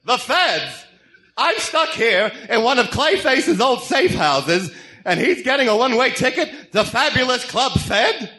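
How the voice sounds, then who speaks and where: A man's voice: very animated, unhurried, pushed and bright, exaggerated voice. A man voicing a manic, petulant supervillain clown in a comic-book radio drama, theatrically whiny and indignant. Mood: indignant, scheming. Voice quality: high, swooping voice.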